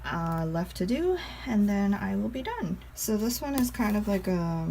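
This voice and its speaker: A woman's voice: medium pitch, animated, measured pace, creaky, dark tone, slight background noise. A woman chatting casually in a home vlog, rambling with lots of fillers and frequent laughs. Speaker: vlogger.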